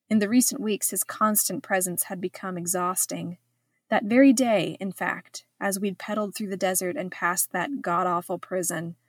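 A woman's voice: mid-range voice, dry recording, clean studio sound. A woman reading her own travel memoir aloud in scripted first-person narration, reflective with a wry edge.

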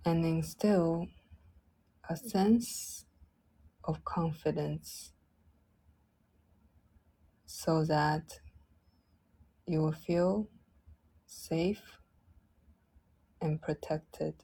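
A woman leading a guided loving-kindness meditation in a soft, gentle, drawn-out way. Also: low-pitched, husky.

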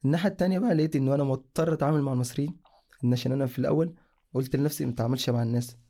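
A man's voice: mid-range voice, racing, warm tone. A young man from Sudan, casually telling his own story in a rambling way, often correcting himself mid-sentence. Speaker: guest sharing a personal story.

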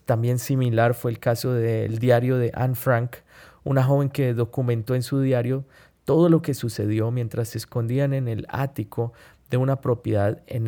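A man hosting a podcast, telling a story, often pausing on "eh" and correcting himself. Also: mid-range voice, mellow. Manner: unhurried, with frequent "eh" fillers and self-corrections. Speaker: podcast host. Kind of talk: reflective storytelling monologue.

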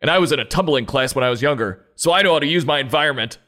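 A man's voice: fairly high pitch, expressive, very fast, bright, forceful tone, voice pushed up. A man voicing a grumpy, defensive groundhog celebrity in a comedic storybook review, complaining and blustering with profanity. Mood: defensive, threatening.

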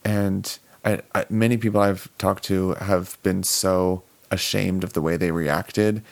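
A man co-hosting a podcast, speaking calmly and reflectively. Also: deep voice, measured pace, vocal fry, dry recording. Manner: calm, reflective, with short affirmations. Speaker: podcast co-host. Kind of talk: casual podcast chat.

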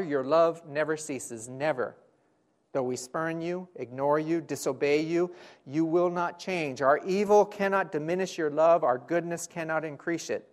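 A male pastor preaching a sermon, using rhetorical questions and repeated phrases, swinging from loud emphasis to hushed lines. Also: a little high.

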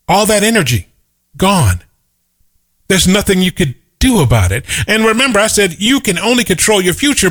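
Animated motivational man, lively pitch. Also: breathy edge. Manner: emphatic, repeats key lines for effect. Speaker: motivational speaker. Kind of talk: motivational monologue.

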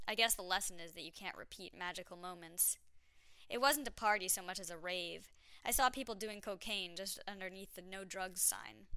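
Bright, crisp woman telling her story. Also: mid-range voice, no room sound. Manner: candid, wry and self-mocking. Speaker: narrator of her own travel story. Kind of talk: personal storytelling narration.

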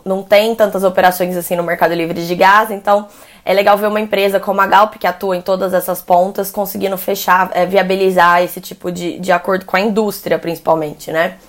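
A Brazilian woman journalist delivers energy sector commentary at a mid pitch. She talks in a loose, conversational way, often restarting phrases and adding fillers as she explains. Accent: Brazilian Portuguese. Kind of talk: news commentary.

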